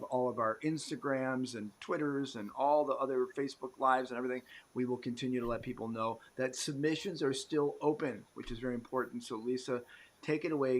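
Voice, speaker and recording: An American man hosting a casual live-stream interview show, rambling with many fillers and sudden swings in loudness. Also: medium pitch. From United States. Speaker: show host.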